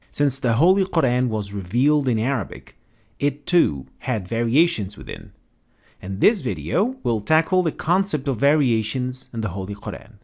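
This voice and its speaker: Male narrator, lively pitch, calm explainer read.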